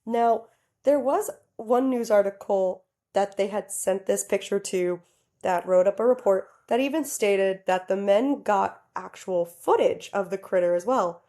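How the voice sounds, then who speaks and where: Woman podcast co-host, mellow tone, giggly casual storyteller. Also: medium pitch, unhurried. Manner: giggly, animated, talks straight to listeners.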